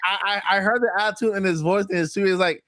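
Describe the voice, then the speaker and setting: A man hosting a casual podcast chat, animated, laughing as he talks and repeating his words. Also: high-pitched, very fast, no room sound, clean studio sound. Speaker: podcast host.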